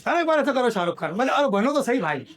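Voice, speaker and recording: A male sales trainer giving an energetic motivational seminar in a hall and drilling the audience to repeat his lines. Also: extremely high pitch, fast.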